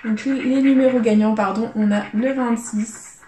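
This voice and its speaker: A woman's voice: a little high, steady tone, moderate pace, dark tone, roomy sound, slight background noise. A woman casually commenting as she scratches lottery tickets, chatty with her viewers and spelling out letters one by one. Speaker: YouTube scratch-card vlogger.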